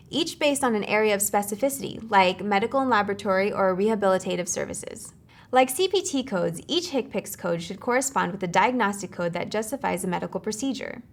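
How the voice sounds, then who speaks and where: Woman narrating a scripted course lesson. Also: mid-range voice. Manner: measured, slows down to spell out acronyms.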